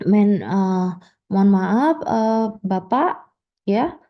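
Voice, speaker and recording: A woman's voice: medium pitch, expressive, extremely slow, lo-fi sound. A woman playing a restaurant manager who apologizes politely and hesitantly. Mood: apologetic.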